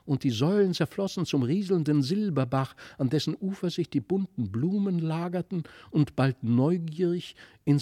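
A man reading a fairy tale aloud, expressive and lilting, on a close mic. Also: fairly high pitch, no echo. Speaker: narrator.

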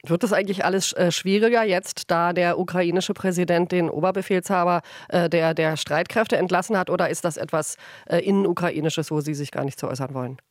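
A radio host asking brisk interview questions. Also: medium pitch, fairly even intonation, dry recording, studio quality.

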